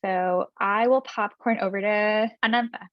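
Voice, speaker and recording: A woman from Massachusetts introducing herself briefly and brightly as a panelist. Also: medium pitch, fairly even intonation, unhurried, dry recording. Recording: dull dry audio.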